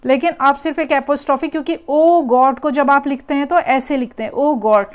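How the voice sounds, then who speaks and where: High-voiced woman teaching step by step. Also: a little fast. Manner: explains step by step, repeats key words. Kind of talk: exam paper walkthrough lesson.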